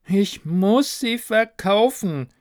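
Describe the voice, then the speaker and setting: A man's voice: sits high, sing-song, moderate pace, creaky, dry recording, studio quality, voice pushed up, heavily acted. A man doing a whiny ghost of a dead manager. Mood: fretful. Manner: fretful, nagging and self-pitying.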